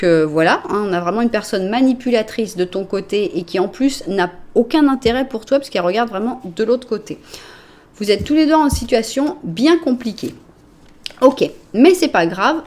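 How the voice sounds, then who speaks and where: A woman's voice: mid-range voice, a little mellow. A woman from France, in her forties, doing a chatty, reassuring tarot card reading and narrating each card as she draws it. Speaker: tarot reader.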